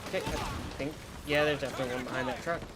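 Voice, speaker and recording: A man's voice: medium pitch, fairly even intonation, racing, heavy background noise. A man streaming a shooter game, talking back to the game characters in a dry, joking way, his voice still worn from illness. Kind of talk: casual gameplay commentary. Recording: loud game gunfire behind voice. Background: game gunfire and explosions.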